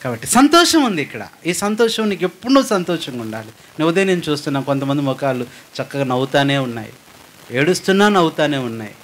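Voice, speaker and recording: A man's voice: fairly high pitch, sing-song, fast talker, a little hiss or hum. A man preaching at a youth meeting who speaks, asks the crowd questions and acts out the people in his stories. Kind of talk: Telugu sermon with jokes and anecdotes.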